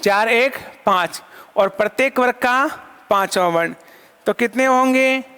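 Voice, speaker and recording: High-voiced man teaching in a reverberant hall. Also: measured pace, sharp tone, clear, resonant tone. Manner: asks questions and answers them himself, counts items aloud. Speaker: Sanskrit teacher. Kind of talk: online lesson.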